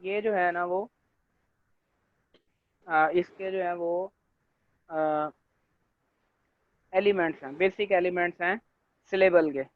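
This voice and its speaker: High-voiced man lecturing over a tinny line. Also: no room sound. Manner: checks in with students often; fills pauses with stock phrases. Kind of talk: online linguistics lecture. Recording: dry, tinny phone-like line.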